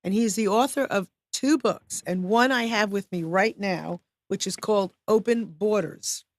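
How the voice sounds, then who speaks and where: A woman's voice: medium pitch, a little slow, dry recording. Chatty woman hosting a live show. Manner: upbeat, chatty, welcoming. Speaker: show host. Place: studio.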